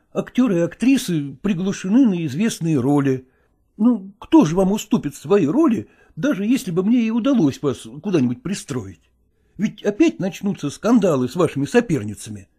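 A man's voice: high-pitched, dark tone, breathy edge, heavily acted. A man voicing a weary middle-aged touring actor in an audiobook drama, coaxing and patronizing.

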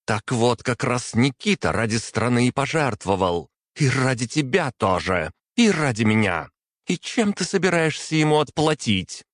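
A man's voice: lively intonation, a little slow, few pauses, fairly bright tone, no echo, clean studio sound. A man voicing a fiery, defiant young princess who keeps raising her voice in scornful outbursts. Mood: furious. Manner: raised, shrill, scornful outbursts.

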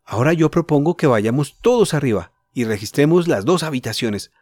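A man's voice: a little high, a little fast, no room sound, voice pushed up. A man doing an eager teenage boy. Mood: excited. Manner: excited, telling of a discovery.

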